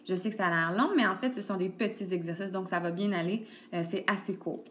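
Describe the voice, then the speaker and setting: A woman's voice: mid-range voice, steady tone, fast, fairly bright tone, slight background noise. A woman, an elementary school teacher giving a recorded grammar lesson and speaking straight to a child, patient, with lots of "ok" and "donc". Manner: patient, addresses the child directly with frequent "ok" and "donc". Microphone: tablet screencast recording.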